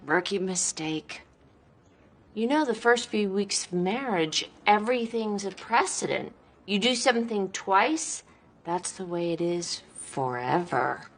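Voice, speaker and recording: Sarcastic bossy wife, lively swooping voice, dry teasing. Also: female voice, medium pitch, a little slow. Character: bossy sarcastic married woman, quick teasing wit. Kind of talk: sitcom acting.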